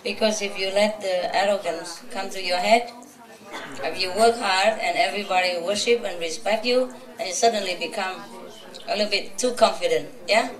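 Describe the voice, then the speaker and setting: A woman's voice: medium pitch, normal speed. A woman spiritual teacher giving an informal, chatty talk to a gathering, teasing and laughing often. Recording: roomy, from a distance.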